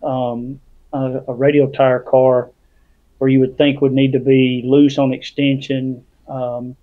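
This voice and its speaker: A man, a guest drag racer and tuner, talking slightly out of breath with many halting fillers over a video call. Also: mid-range voice, little pitch movement. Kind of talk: casual panel talk. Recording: tinny phone-like line.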